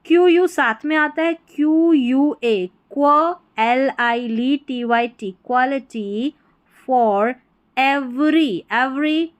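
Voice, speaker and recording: A woman teaching English reading, spelling words letter by letter and then explaining how to pronounce them and what they mean. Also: on the high side. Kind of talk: slow word-by-word reading lesson.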